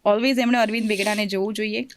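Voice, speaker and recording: A woman's voice: mid-range voice, steady tone, quick pace. A woman with a Gujarati accent hosting an interview, giving short encouraging affirmations as she listens. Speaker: podcast host.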